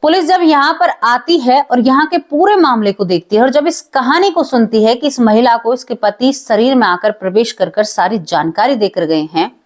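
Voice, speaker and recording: Woman narrating a ghost story, emotional, keeps calling listeners friends, kinda high voice. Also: animated, moderate pace, hardly any pauses. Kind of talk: dramatic spoken story narration.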